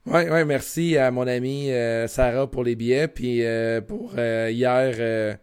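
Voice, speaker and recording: Male podcast co-host, Quebec French accent, hoarse gravelly voice, casual delivery at an average pitch. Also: unhurried, a little mellow. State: hoarse voice after two wrestling shows. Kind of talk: casual chat.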